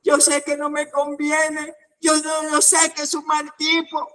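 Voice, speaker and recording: Wailing heartbroken woman, a man putting her on, high strained voice, acted out in a sermon. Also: completely flat delivery, measured pace, pushed and bright, heavily acted. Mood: tearful pleading. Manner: wailing, pleading. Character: tearful young woman pining for a bad man.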